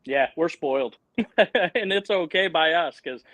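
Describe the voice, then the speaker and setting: A man's voice: a little high, measured pace, a bit bright, dry recording, rough recording. A man in his thirties, a guest on a live show, talking about his off-road trips in an upbeat way and laughing easily. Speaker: guest, off-road channel owner. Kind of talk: casual interview chat.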